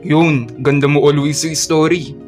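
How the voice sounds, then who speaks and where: Slow, playful Filipino man narrating. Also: a little high, steady tone. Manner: playful, self-mocking. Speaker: animator and narrator. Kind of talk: comedic storytelling narration. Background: soft music.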